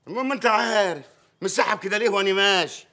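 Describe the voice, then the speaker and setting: An actor playing a bossy middle-aged village mayor who gives orders and mocks people in an Egyptian accent, with a husky voice. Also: male voice, sits high, racing, pushed and bright. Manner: commanding, blustering, mocking.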